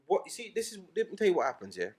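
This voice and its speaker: A man co-hosting a casual podcast chat, animated and emphatic, often swearing. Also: high-pitched, rapid-fire, husky. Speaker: podcast co-host.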